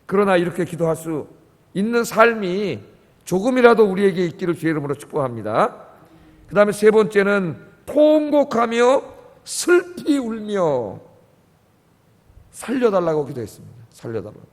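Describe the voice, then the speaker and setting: A man pastor preaching a dawn sermon in a church, moving from soft asides to loud pleading passages. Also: sits high, big pitch swings, moderate pace. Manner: impassioned, swings from quiet asides to loud pleading. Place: church sanctuary. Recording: long church reverb.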